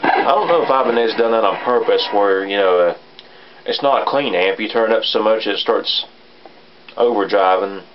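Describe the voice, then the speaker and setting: A man with an Appalachian hillbilly accent giving a casual, rambling gear demo in a halting, self-deprecating way. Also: expressive. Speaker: amateur gear reviewer. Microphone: camera on a tripod. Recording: dull lo-fi camera audio. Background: bass guitar and amp sounds.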